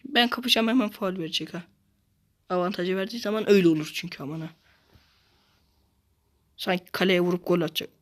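A man playing a football video game, swearing constantly and repeating the same phrases in frustration, switching between low muttering and sudden shouts. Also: brisk, pauses often. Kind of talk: casual gameplay commentary.

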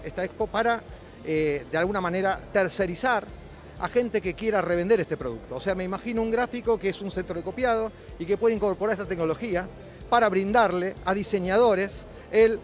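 A man's voice: sits high, fast, faint music behind. A middle-aged man with an Argentine accent, a company director giving a trade-show interview in a busy expo hall, explaining at length with frequent hesitations and restarts. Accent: Rioplatense Spanish. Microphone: handheld mic held by interviewer.

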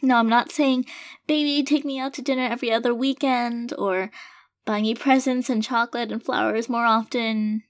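A woman with a slightly high, natural voice and a steady tone, recorded dry, takes the role of a tender, hesitant girlfriend. Her casual monologue to her partner in this intimate audio roleplay is loving and sincere, delivered softly with halting pauses and gentle sincerity.

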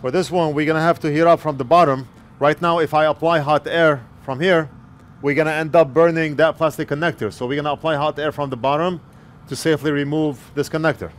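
A repair technician in his forties explains an electronics repair one step at a time while working at his indoor bench, speaking plainly through a wired earpiece headset mic. His voice runs on the high side, steady in tone and brisk.

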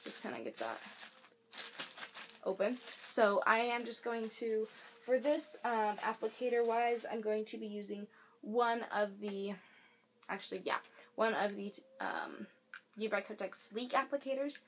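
A woman's voice: a little high, lively intonation, unhurried. A young woman vlogger at home giving a casual product demonstration, rambling with lots of fillers and self-corrections. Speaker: beauty and advice vlogger. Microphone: camera mic. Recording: faint hiss from air conditioner.

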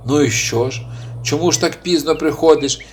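A man's voice: a little high, brisk, voice pushed up, natural voice. A man voicing a furious, hungry male bear who bullies and roars at everyone around him, in a storybook reading. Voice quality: roaring, shouting.

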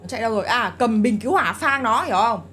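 A woman's voice: a little high, expressive, rapid-fire, sharp tone. A woman co-hosting a let's-play, chatting to viewers and calling out what to do next. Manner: chatty, addresses viewers, gives directions. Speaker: gaming co-host. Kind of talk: casual let's-play commentary. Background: game music.

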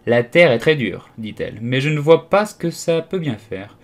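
A man's voice: fairly high pitch, expressive, moderate pace, voice pushed up. A man voicing a curious, polite little girl in an audiobook, eager and full of questions.

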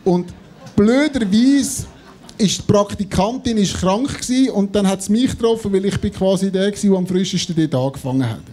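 A man in his thirties with a high voice and a Swiss German accent tells a comic anecdote live on stage. He is an animated storyteller who acts out both sides of conversations, speaking close into the microphone. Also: fast, few pauses. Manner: animated storytelling, acting out dialogue. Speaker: comedy show panellist. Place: on stage in a theatre before an audience. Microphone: handheld or stand microphone held close.

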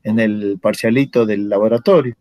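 A man's voice: on the low side, moderate pace, mellow, no room sound. An older man with an Argentine accent, a former chemistry professor telling a story in a casual chat, acting out the dialogue with laughter and swearing. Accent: Argentine Spanish.

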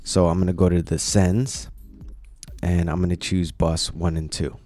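Low, mellow-voiced man walking through a tutorial. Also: little pitch movement, moderate pace. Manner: casual, explains step by step with many "you know"s. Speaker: tutorial presenter. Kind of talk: screen-recorded software tutorial.

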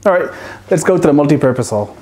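A man in his thirties with an Irish accent leads a tour as a facilities manager. He talks briskly and in a friendly way, his voice a little higher than most men's. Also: lively intonation, a little mellow, a little hiss or hum. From Ireland. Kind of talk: guided tour talk. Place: indoor centre halls.

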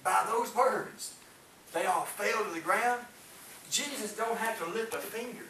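Speaking a little slowly in a high, bright, forceful tone, a middle-aged man delivers a fervent Pentecostal-style sermon to a small church-hall congregation, his voice rising and falling as he asks for amens. The far-off camera, no microphone visible, picks up an echoey room and faint hiss.

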